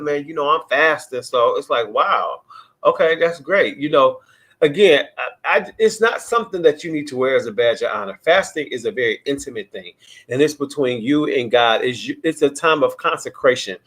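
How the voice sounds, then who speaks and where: Man, pastor, live show host, casual talk, mid pitch, playful impressions. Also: a bit bright. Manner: casual, chatty, mimics people, greets viewers by name.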